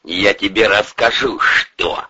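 A man voicing a bullying middle-aged male oligarch who barks insults and shouts, on an audiobook. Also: lowish voice, fairly even intonation, slow pace, slightly rough, highs cut off, exaggerated voice. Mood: sneering. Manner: barking, scornful, shouting insults.

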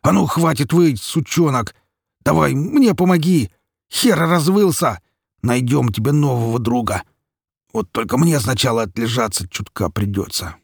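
A man's voice: mid-range voice, brisk, creaky, slightly rough, dry recording, studio quality. Man doing a roaring foul-mouthed father. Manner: roaring and cursing. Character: brutal wounded middle-aged father, foul-mouthed.

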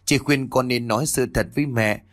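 A man's voice: medium pitch, fairly quick, a bit bright, dry recording, studio quality, close to an everyday voice. A man voicing a frightened young pregnant daughter who stammers and pleads through sobs. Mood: pleading. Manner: stammering, sobbing pleas.

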